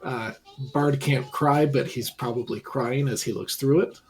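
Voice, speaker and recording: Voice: medium pitch, a little slow, a little hiss or hum, rough recording. A player in a tabletop game, describing actions in a plain, matter-of-fact way. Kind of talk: casual tabletop play.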